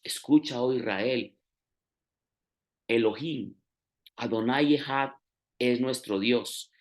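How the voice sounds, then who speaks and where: Preacher, male, mid pitch, patient teacherly delivery. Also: slow pace, darkish tone. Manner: teacherly, explains step by step, rising emphasis on key phrases. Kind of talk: sermon.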